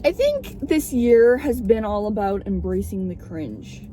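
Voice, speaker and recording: A young adult woman vlogs casually from inside a car, speaking candidly and a bit theatrically, with plenty of swearing. Her medium-pitched, dark voice is sing-song at a measured pace, and the poor audio carries in-car background noise.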